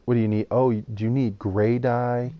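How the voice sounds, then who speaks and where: A man plays a building game on a live stream, talking to chat and thinking aloud as he builds in a casual manner. He speaks at normal speed in a level, medium-pitched voice, with no room sound and lo-fi audio.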